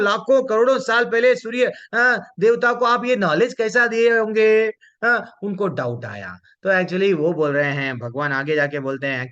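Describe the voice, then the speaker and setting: A man's voice: on the high side, bright, forceful tone. A man teaching a devotional scripture class, posing rhetorical questions and reciting Sanskrit verses. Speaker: Bhagavad Gita teacher. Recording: dull lo-fi recording.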